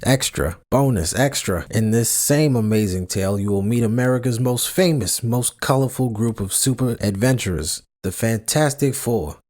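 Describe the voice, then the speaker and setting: A man's voice: medium pitch, moderate pace, hardly any pauses, a little mellow. A man reading scripted comic-book narration in a dramatic announcing manner.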